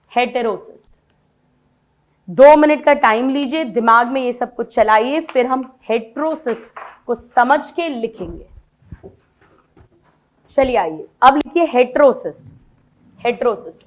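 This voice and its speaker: A woman with a high, bright voice gives a biology lesson. She keeps asking the class questions and answers them herself right away. When she dictates notes she slows down and spells them out word by word. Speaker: biology teacher.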